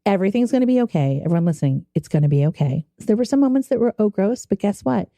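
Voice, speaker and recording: A woman hosting a casual podcast, chatty and animated, breaking into laughter often. Her pitch swings widely while the tone stays mellow. The recording is close and dry. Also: very fast, dry recording. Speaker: podcast host. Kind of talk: casual chat.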